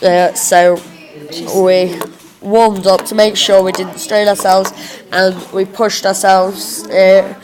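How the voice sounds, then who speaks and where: A young woman speaks in a slightly rough, working-class English accent with a chavvy edge. She gives an informal reflection at a slow, halting pace, thinking aloud as she goes. Chatter from other people is clearly audible behind her. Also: medium pitch, level tone. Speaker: drama student recording a reflective blog. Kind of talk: informal spoken self-review.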